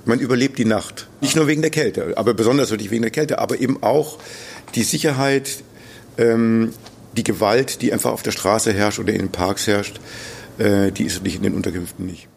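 A man explaining his work in an interview, a little halting as he searches for words. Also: lowish voice, vocal fry, husky. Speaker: interviewee, homeless aid volunteer.

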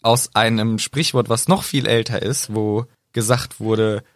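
A man's voice: lowish voice, fairly even intonation, no echo. Man, podcast co-host, casual chat, retelling scenes, dry sound. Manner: chatty, retells scenes with quick asides. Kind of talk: casual chat recapping a book.

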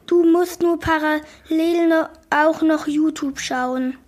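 A woman's voice: high voice, fairly even intonation, slow, noisy background. A woman voicing a bumbling middle-aged father who awkwardly tries out youth slang on his son. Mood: coaxing.

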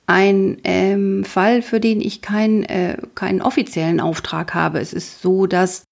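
A woman doing a timid grown-up detective in an audiobook, halting and mumbling as he goes. He trips over his words and trails off again and again. The voice carries a husky, slightly gravelly grain. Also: mid-range voice, level tone. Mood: bashful. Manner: stammering, mumbling, hesitant. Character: shy stammering male detective, adult. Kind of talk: audiobook character voice.

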